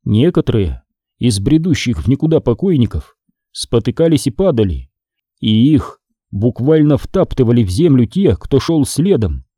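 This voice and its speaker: A man reading a horror audiobook in a measured, expressive storytelling manner. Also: mid-range voice, slightly rough, no echo, clean studio sound. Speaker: audiobook reader. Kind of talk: scripted horror audiobook narration.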